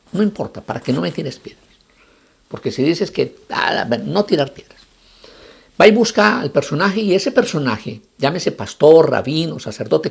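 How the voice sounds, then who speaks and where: A man's voice: a little high, gravelly, slightly rough. A man giving a motivational talk as a psychologist, telling stories with emphatic repetition and rhetorical questions. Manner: emphatic, repeats phrases for effect, asks rhetorical questions.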